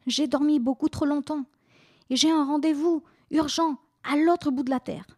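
A woman's voice: high-pitched, steady tone, normal speed, darkish tone, pitched above the performer's own voice, lightly acted. A woman voicing old Winter, a grumbling bearded figure roused from sleep, in a story read on the radio. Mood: startled. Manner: grumbling, cranky. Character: grumpy old Winter, bearded giant just woken.

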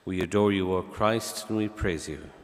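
A man, a priest, leading funeral Mass prayers at the altar in a calm, measured way with conversational asides. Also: deep voice. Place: large church, at the altar. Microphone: far camera, church PA. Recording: long church reverb.

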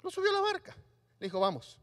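Livestreamed from an echoing church hall, a preacher voices various Bible figures as he delivers a sermon to the congregation. His high voice is sing-song and fairly bright, at a moderate pace.

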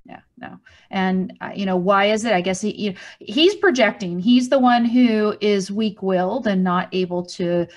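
A woman co-host talking in a relaxed, conversational way on a live show. She works through her argument out loud, pausing on fillers and starting sentences over. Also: mid-range voice. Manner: thinking aloud, with many fillers and restarts. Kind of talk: casual chat on a live show.

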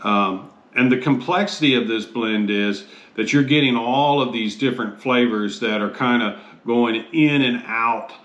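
An American man in his fifties giving a casual review to camera in a measured, halting way, often pausing mid-phrase. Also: mid-range voice, fairly bright tone, dull audio. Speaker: host of a pipe tobacco review show. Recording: roomy, echoey sound.

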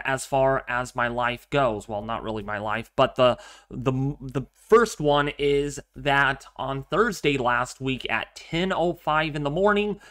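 A young man with a mid-range, fairly bright, smooth voice is getting over a cold, sounding congested and slightly nasal. As a weather forecaster framed by a webcam at his home office desk, he gives an earnest, casual weather update, repeating himself and using many fillers.

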